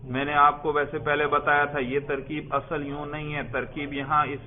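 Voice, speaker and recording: A man's voice: fairly high pitch, little pitch movement. A man teaching an Arabic grammar lesson who keeps asking his students questions and has them repeat the forms. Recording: tinny phone-like recording.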